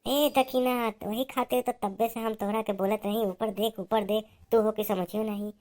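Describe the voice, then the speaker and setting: A woman's voice: medium pitch, steady tone, normal speed, mellow, close to an everyday voice. A woman voicing a bossy elder village sister in a cartoon, who haggles and scolds in an Awadhi accent. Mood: scheming. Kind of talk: cartoon voice acting.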